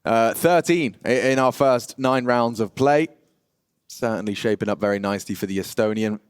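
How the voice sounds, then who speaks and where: A man commentating an esports match play-by-play as a caster, with excitable exclamations and dramatic phrasing. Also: mid-range voice, normal speed, clear, resonant tone, no echo, clean studio sound. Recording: loud game gunfire and clicks behind. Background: gunfire and clicks from a video game.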